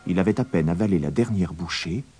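A man narrating a fairy tale as a storybook reading, with a very expressive, swooping delivery. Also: sits low, fairly quick, faint music behind.

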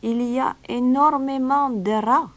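A woman voicing a calm, sly young male stranger who plays the pipe, speaking softly and slowly in a storybook reading. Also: sits high, pitched above the performer's own voice. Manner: calm, soft, drawn-out.

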